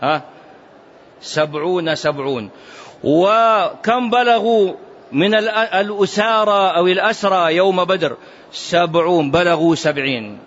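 A man teaching a religious class, quizzing his students with animated, mocking asides. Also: high voice, unhurried, pauses often, lo-fi sound. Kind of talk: classroom lesson.

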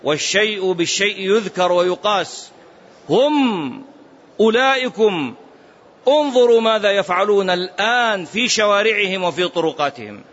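A man's voice: sits high, animated, normal speed, fairly bright tone, highs cut off. A man giving a religious lesson as a preacher, emphatic and rhetorical, sometimes chanting phrases. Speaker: Islamic preacher.

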